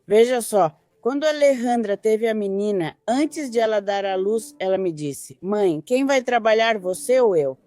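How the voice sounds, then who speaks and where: A mother recounting her family's story in a quiet, intimate documentary testimony. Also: mid-range voice, expressive, normal speed, hardly any pauses, faint music behind. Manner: quiet, intimate retelling with quoted dialogue. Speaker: grieving mother interviewed.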